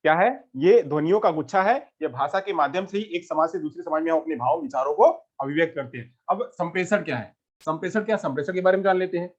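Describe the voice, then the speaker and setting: A man's voice: on the high side, quick pace. A male teacher giving a lecture, asking questions and answering them himself, with lots of repetition. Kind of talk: classroom lecture. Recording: lo-fi muffled recording.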